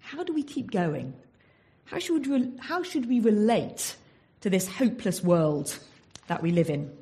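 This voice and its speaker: An English woman gives an earnest Bible talk as a sermon, often posing rhetorical questions to her listeners. Her mid-range voice is mellow and sing-song, at a measured pace.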